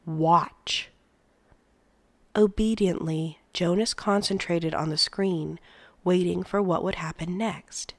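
Woman narrator, soft, unhurried storybook reading in a dry close sound. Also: on the low side, steady tone, no echo. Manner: slow, soft, often near a whisper. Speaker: read-aloud narrator. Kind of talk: reading a novel aloud.

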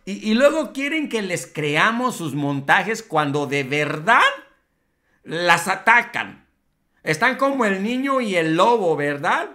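A man's voice: sits high, sing-song, slow, pushed and bright. A man with a Mexican accent giving scornful, emphatic political commentary for a vlog, drawing out his words.

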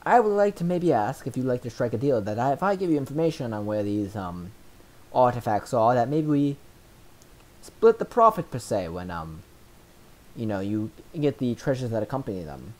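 A man voicing a young male sapphire dragon, booming and halting with ums. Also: animated, darkish tone, natural voice. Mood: scheming.

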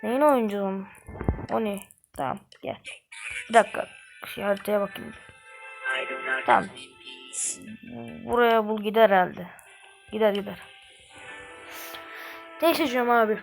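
A woman hosting a gaming channel, giving excitable, slangy live commentary and trash-talking the game as she plays. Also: mid-range voice, moderate pace, gravelly, long pauses. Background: game music.

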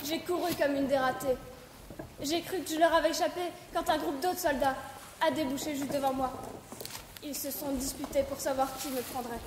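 A young woman acts a traumatized captive in a stage tragedy. Her high voice declaims in anguish. It echoes in a theater with clear background noise. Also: steady tone, moderate pace, lightly acted. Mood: haunted, anguished.

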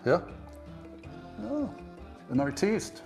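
A woman's voice: fairly low pitch, sing-song, extremely slow, creaky, darkish tone, soft background music. A woman hosting a casual cooking chat, playful and upbeat. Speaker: host.

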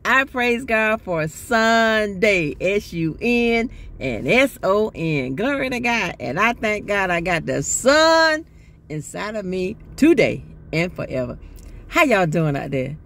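A woman's voice: mid-range voice, sing-song, takes it slowly, a bit bright. An older woman chatting in a casual selfie vlog from her parked car, exasperated and laughing often. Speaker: vlogger. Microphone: phone held at arm's length.

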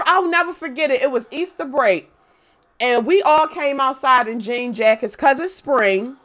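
A young woman chatting casually on a live stream, telling stories in an animated, profane way. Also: on the high side. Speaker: gaming livestreamer.

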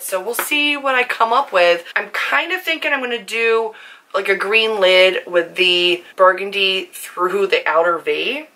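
A young woman with a hoarse, worn voice, chatting casually while demonstrating makeup on her channel. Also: fairly low pitch, bright, forceful tone. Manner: chatty, filler-heavy, self-deprecating. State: hoarse from screaming. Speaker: beauty vlogger.

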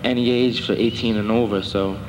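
Speaking briskly in a lowish voice with fairly even intonation, this young adult defendant gives rambling, defensive courtroom testimony packed with filler words. It was captured in an echoey municipal courtroom with faint background noise.

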